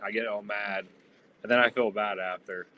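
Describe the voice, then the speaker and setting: A man's voice: fairly low pitch, fairly even intonation, normal speed, bright, forceful tone, a little hiss or hum. A man talking casually, rambling with lots of fillers. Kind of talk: casual chat.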